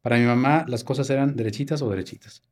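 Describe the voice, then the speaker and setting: A man's voice: medium pitch, fast talker. Mexican guy in his 50s telling family stories on a podcast, chatty, acts out the old dialogues. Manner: storytelling, reenacts family dialogue. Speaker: guest. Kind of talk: casual interview chat.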